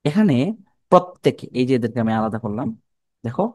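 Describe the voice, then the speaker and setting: A man's voice: mid-range voice, animated, fairly quick, dark tone, no echo. A young man with a Bangladeshi Bengali accent teaching a chemistry class, informal and repetitive, who asks students questions and answers them himself. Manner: repeats terms, colloquial speech.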